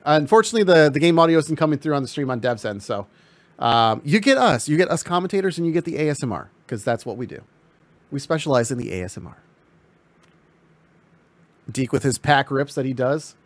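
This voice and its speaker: A man giving casual, excitable play-by-play commentary on a hockey video game stream, laughing often. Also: on the high side, dry recording.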